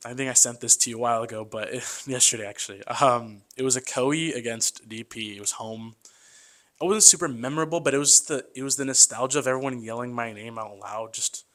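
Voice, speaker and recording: A young man in his twenties, a podcast guest in a relaxed, casual conversation. He is chatty and loose, often calling the host "man". He tells his stories with some life, acting out the voices of the people in them. His voice sits at a middle pitch. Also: a little fast. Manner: lively storyteller who acts out quoted voices.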